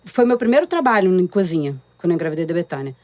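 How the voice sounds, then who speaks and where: Brief: woman, thirties, interviewee, animated storyteller, dry close mic. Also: lowish voice, rapid-fire, no room sound. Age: 30s. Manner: lively storytelling, acts out quoted dialogue. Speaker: interviewee, cook. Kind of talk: casual interview talk.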